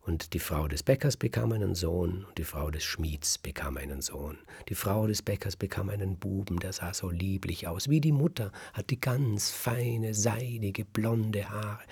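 Low, gravelly male storyteller. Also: measured pace, dry recording, studio quality. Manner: lively, dramatic, drops to a whisper for suspense. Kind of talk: oral folk-tale storytelling.

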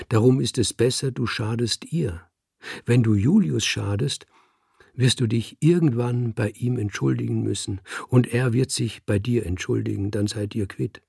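A man voicing a scheming male house cat who advises his master in a coaxing, insinuating way, with a husky, gravelly voice. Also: fairly low pitch, darkish tone, no room sound, studio quality, heavily acted.

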